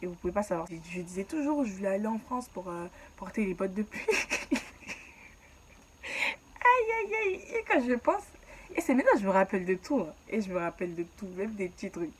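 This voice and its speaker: Young woman, vlogger, casual storytelling, lively, playful, laughs often, medium pitch, noisy background. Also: fast talker. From Ivory Coast.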